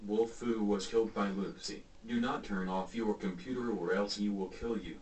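A man voicing a cartoon wolf who reads out an error message in a flat announcer manner and keeps fumbling his lines. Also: lowish voice, normal speed, far from the mic, a little hiss or hum, natural voice. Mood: monotone announcing. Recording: echoey, from off the mic.

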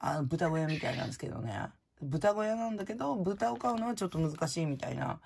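A woman's voice: low voice, very animated, fast talker, vocal fry, darkish tone, slight background noise. A woman vlogger chatting casually and frankly as she opens prizes, rambling from topic to topic. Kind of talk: casual chat while opening prizes.

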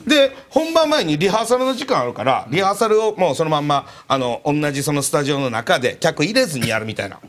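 A man's voice: on the high side, fast, hardly any pauses. A young adult man with a Kansai accent, telling a comic anecdote as a comedian on a TV panel and acting out the voices of the people in it. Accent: Kansai Japanese. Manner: animated storyteller, acts out quoted voices.

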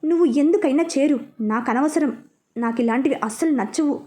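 A man's voice: very high voice, normal speed, darkish tone. A woman voicing a blunt, dismissive young male student who wants nothing to do with love, speaking curtly and with threats. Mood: angry.

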